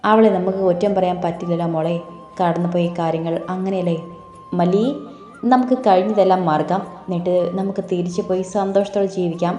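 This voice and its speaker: A woman voicing a gentle, persuasive husband who calms his frightened wife. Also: high-pitched, fairly quick, close to an everyday voice. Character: calm, reassuring husband. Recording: echoey room, soft music behind.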